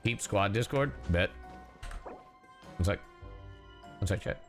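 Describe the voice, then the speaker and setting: Faint music sits behind this livestreamer, who speaks unhurriedly in a lowish voice. He's playing a game and bantering casually with his audience, cracking jokes and cursing without restraint.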